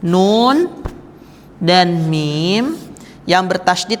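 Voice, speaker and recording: Slow, patient male recitation teacher. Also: high-pitched, fairly bright tone, slight background noise. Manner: patient, repeats sounds and drills students. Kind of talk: slow step-by-step recitation lesson. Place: mosque. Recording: echoey room with long reverb.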